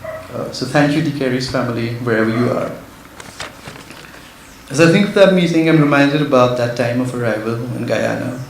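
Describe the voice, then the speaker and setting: A man delivering his prepared literary talk as an author speaks in a gravelly mid-range voice at a moderate pace, anxious but sincere. The event space echoes heavily, and faint background noise lingers.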